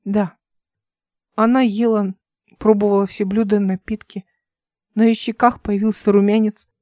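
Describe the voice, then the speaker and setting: A woman narrating an audiobook in an even, measured way. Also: medium pitch, dry recording, clean studio sound.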